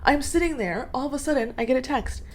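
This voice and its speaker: A woman's voice: high voice, fast, darkish tone. A young adult woman vlogger ranting to camera in a casual, exasperated way, swearing often.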